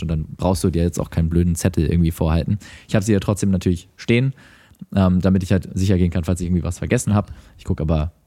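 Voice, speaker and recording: A man co-hosting a podcast, adding short points and relaxed anecdotes in casual talk. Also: low-pitched. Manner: brief interjections, relaxed anecdotes. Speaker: podcast co-host.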